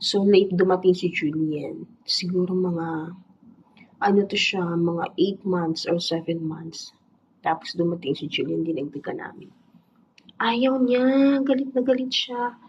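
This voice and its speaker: A woman vlogger who tells stories about her cats in a chatty, animated way and laughs often. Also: lowish voice, unhurried, dull audio, slight background noise. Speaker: vlogger, cat owner. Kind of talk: casual storytelling.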